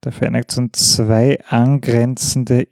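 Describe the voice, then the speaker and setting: A man's voice: medium pitch, little pitch movement, slow, gravelly, a little mellow, dry recording, studio quality. A man co-hosting a podcast, patiently walking his partner through a board game's rules in casual chat and confirming each move. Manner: patient, affirming with short "Jawohl" and "Richtig". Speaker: podcast co-host explaining the game rules.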